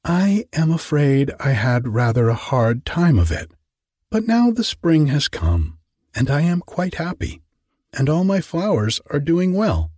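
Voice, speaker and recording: A meek, humble young gardener speaks softly in a raised, eager voice, as a male reader puts him on. The tone is husky, close and dry. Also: big pitch swings, unhurried, dry recording, exaggerated voice. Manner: soft, meek, higher voice.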